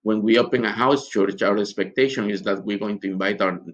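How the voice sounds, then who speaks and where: A man with a somewhat low voice teaches for a recorded conference video. His delivery is earnest and halting, full of pauses as he searches for words. The sound is dull and lo-fi. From Guatemala. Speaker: missionary and conference speaker.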